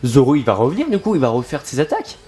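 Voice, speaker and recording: A young man streaming a live reaction to an anime, excitable and swearing often, with sudden high exclamations, talking into a desk microphone. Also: rapid-fire. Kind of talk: casual live reaction commentary.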